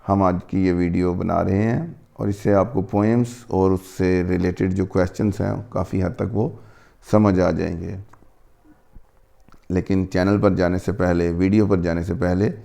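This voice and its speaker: Man teaching grammar, deep gravelly voice, reads the lines slow then explains. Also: dark tone. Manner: reads English definitions slowly, then explains them in Hindustani. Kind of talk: recorded lecture over slides.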